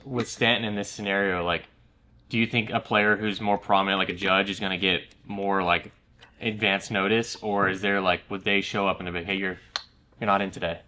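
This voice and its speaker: A man co-hosting a podcast, chatting casually, asking questions and filling pauses with "like". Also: on the low side, steady tone, bright, forceful tone. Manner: conversational, asks questions, many fillers like "like". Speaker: podcast co-host.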